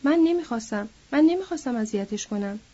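Big simple guy begging, scared, woman reading it, higher voice. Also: lively intonation, mellow, breathy edge, lo-fi sound. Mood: pleading. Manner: pleading and helpless. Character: huge, simple-minded, frightened man.

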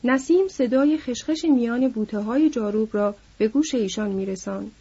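A woman narrating an audiobook in a measured, somber reading voice. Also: a little high, mellow, breathy edge. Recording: dull lo-fi recording.

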